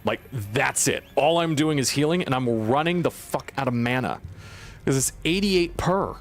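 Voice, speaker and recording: A man's voice: mid-range voice, normal speed. A man giving live gameplay commentary as a healer, venting in an exasperated, profane way and repeating himself for emphasis. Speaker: gamer, streamer playing a healer.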